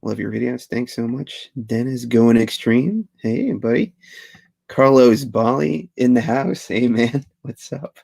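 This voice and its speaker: In a mid-range, darkish voice with vocal fry, a man speaks a little slowly as he hosts a casual livestream Q&A and goes through viewer comments. He is Belgian, in his 30s, and a native Dutch speaker, and he's chatty, chuckling a lot and restarting words.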